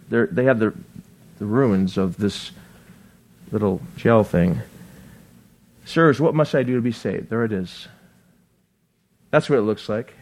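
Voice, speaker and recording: A male pastor preaching with a slightly high voice. He talks quickly and with excitement, asking one rhetorical question after another. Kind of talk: sermon.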